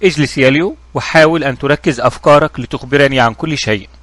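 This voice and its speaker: Man doing an inspector, firm, questioning, quick. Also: medium pitch, fairly bright tone, dry recording, natural voice. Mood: probing. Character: probing male police inspector.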